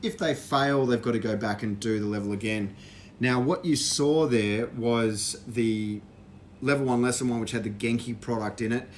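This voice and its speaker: Man casually demoing learning software. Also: medium pitch, moderate pace, slight background noise. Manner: explanatory, relaxed, with fillers. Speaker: presenter demonstrating software. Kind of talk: casual walkthrough.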